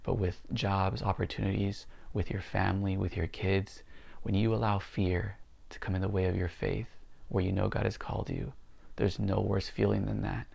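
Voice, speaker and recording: A man's voice: deep voice, level tone, normal speed, vocal fry, darkish tone, slightly rough. A man leading a daily Bible reading, retelling scripture in a conversational sermon style. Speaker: pastor.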